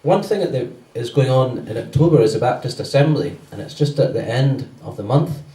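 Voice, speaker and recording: A man's voice: medium pitch, expressive, a little fast, warm tone. A man giving the church notices in a loose, conversational way with many ums. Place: church hall. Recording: roomy church sound from a distance.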